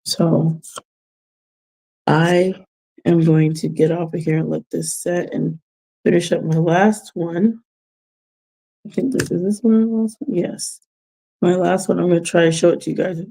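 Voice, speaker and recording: A woman chatting casually on a livestream while doing a craft, giving gentle, reflective advice and chuckling often. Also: lowish voice, fairly even intonation, measured pace, gravelly, pauses often. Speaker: vlogger giving life advice.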